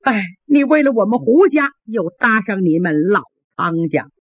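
A stern elderly mother , as a storyteller puts her on, speaking in a low, scolding voice. The sound is dry and tinny, like a phone line. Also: very animated, normal speed, husky, no echo. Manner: scolding, lowered voice.

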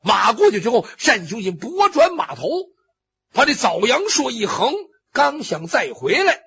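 A man's voice: very high voice, sing-song, moderate pace, creaky, pushed and bright, slightly rough. A man telling a traditional Chinese story vividly, with spoken sound effects and acted cries. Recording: dull lo-fi recording.

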